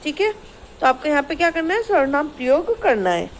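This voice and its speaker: High-voiced woman teacher explaining grammar. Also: very animated, slight background noise, rough recording. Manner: explains patiently, asks the class questions, reads sentences slowly. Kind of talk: Hindi grammar lesson to schoolchildren.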